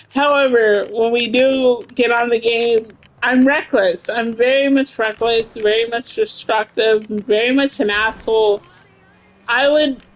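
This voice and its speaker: A woman's voice: a little high, low-quality recording. A woman in her late thirties, a game streamer chatting casually with her live chat, blunt and laughing often, with plenty of swearing. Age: 30s.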